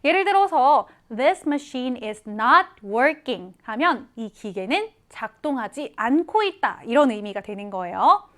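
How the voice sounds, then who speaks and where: High, lively woman teaching vocabulary. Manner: slow, clear word-by-word explanation with repeated example readings. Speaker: English teacher. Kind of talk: vocabulary lesson for students.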